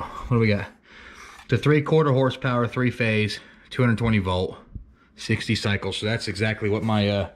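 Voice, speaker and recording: Low-voiced man, plainspoken shop vlogger, thinks aloud and curses a bit; faint background noise. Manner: plainspoken, thinks aloud with fillers and mild cursing. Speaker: woodworker filming his shop. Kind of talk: casual workshop vlog narration. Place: woodworking shop.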